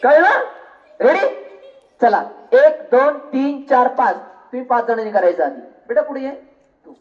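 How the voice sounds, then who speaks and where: A man's voice: very high-pitched, animated, a little slow, distant mic, muffled recording. A man teaching an acting workshop to children, giving directions and counting aloud in a coaxing, directive way. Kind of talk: instructing children in a class.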